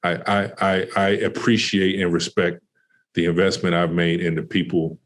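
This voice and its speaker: In a relaxed podcast interview, a man who works as a college basketball associate head coach recounts a story at a moderate pace in a low voice. Full of fillers and restarts, he grows animated whenever he replays conversations.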